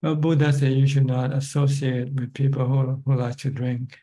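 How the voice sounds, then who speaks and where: An older Buddhist monk with a Thai accent, calmly explaining Dharma on a video call. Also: male voice, medium pitch, low-quality recording. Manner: calm, measured, plain explanations. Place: plain room, seated in office chair.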